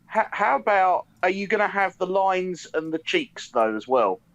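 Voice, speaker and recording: Guy cohost making dry teasing jokes, lively pitch, kind of dull lo-fi sound. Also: moderate pace. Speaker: co-host. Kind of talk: casual banter.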